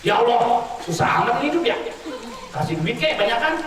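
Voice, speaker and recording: A man's voice: extremely high pitch, very animated, brisk, a crowd in the background, voice pushed up. A man voicing a grumbling working man with a Betawi accent who complains to God in prayer. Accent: Jakarta Betawi. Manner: whiny, exasperated, demanding. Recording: echoey hall from far off.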